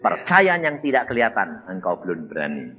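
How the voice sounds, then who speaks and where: A man's voice: low-pitched, a little fast. An older man preaching a sermon, telling stories and acting out the voices of the people in them. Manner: animated storytelling preacher, acting out quoted voices. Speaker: pastor. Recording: dull lo-fi sound in a reverberant hall.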